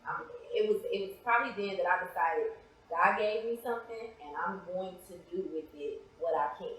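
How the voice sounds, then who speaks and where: An American playwright and author, a guest in an interview, answers questions conversationally with a reflective, earnest manner. Her voice is medium-pitched, somewhat bright and fairly quick. The room is very echoey and reverberant.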